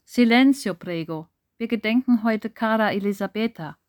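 A grief-stricken man howls and rants in grand theatrical fashion, as a woman narrator acts him out. His voice rides high and loud with constant outbursts. The recording is dry and close. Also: normal speed, dry recording, close to an everyday voice. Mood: wailing grief. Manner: exclaiming, sobbing, ranting.

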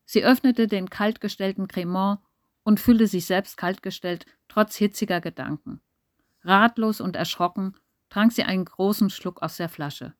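Measured woman audiobook narrator. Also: mid-range voice, no room sound, studio quality.

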